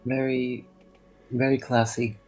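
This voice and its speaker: A player voicing an awkward, unsociable adventurer who makes slow, cryptic small talk. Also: medium pitch, level tone, darkish tone, soft background music, natural voice. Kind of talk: playing a character in a tabletop game.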